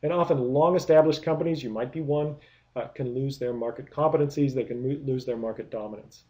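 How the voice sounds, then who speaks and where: Man lecturing with dull, mellow tone. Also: medium pitch, fairly quick. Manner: explanatory, many rhetorical questions, frequent restarts. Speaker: product management lecturer. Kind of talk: recorded lecture.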